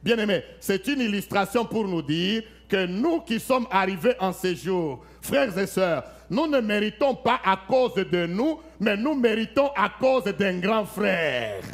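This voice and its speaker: High-voiced, slow, emphatic male preacher. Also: very animated. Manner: emphatic preaching with rhetorical questions and frequent amens; dramatic, shifts voice to act out Bible scenes. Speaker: pastor. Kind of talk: sermon. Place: church service.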